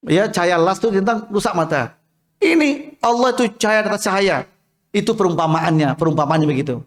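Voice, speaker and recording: A man's voice: sits high, animated, fairly quick. A man preaching a mosque sermon in a storytelling way, often asking the women listening questions and acting out quoted voices. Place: mosque hall. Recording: long reverb of a hall.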